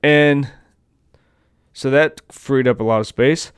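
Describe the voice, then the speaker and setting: A man's voice: medium pitch, takes it slowly, clean tone. A man hosting his own podcast, ranting in a casual, profane, rambling monologue. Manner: profane, rambling, mock-stammers people he imitates. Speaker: podcast host. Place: home recording, seated at phone.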